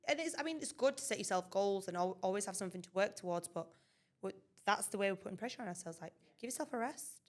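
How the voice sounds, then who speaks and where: A woman's voice: mid-range voice, animated, quick pace. A woman, co-hosting a podcast in a chatty way and laughing often. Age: 20s. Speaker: podcast co-host. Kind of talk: casual chat.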